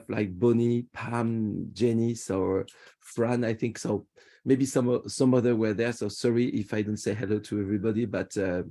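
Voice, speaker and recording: Tour guide, male, Parisian French accent, low mellow voice, chatty over video call. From France. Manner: friendly, chatty, restarts phrases. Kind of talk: virtual museum tour talk.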